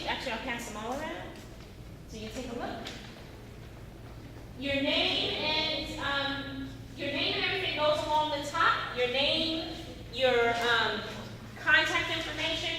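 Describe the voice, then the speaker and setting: Woman, acting teacher, lively and questioning; high voice, distant, noisy room recording. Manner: lively, asks the class many questions. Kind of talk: classroom workshop teaching. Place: classroom. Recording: echoey room, far from the mic, noisy.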